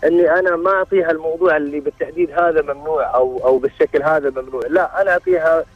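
A man's voice: fairly high pitch, fairly even intonation, rapid-fire, phone-quality sound. A man calling in for marriage advice. He rambles and keeps restarting as he searches for words. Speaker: caller seeking marriage advice. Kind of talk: call-in radio conversation.

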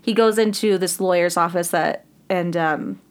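A woman's voice: on the low side, normal speed. A woman co-hosting a podcast in casual chat about films, with a dry, teasing way of talking. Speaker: podcast co-host.

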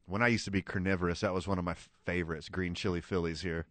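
A man's voice: low-pitched, steady tone, fast talker, a bit bright, no room sound. A man from Milwaukee co-hosting a radio show, chatting in a dry, teasing way. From Milwaukee, USA. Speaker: radio co-host. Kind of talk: casual radio banter.

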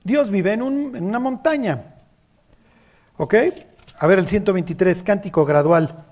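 In an unhurried, slightly mellow voice of medium pitch, a speaker leads a group Bible study. They frequently check in to make sure listeners are following and act out the biblical passages they quote.

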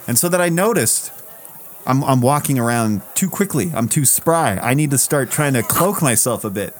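A man's voice: mid-range voice, lively intonation, normal speed, a little hiss or hum. A man co-hosting a casual podcast, telling a self-mocking story and swearing loosely as he talks. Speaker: podcast co-host. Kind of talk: casual chat.

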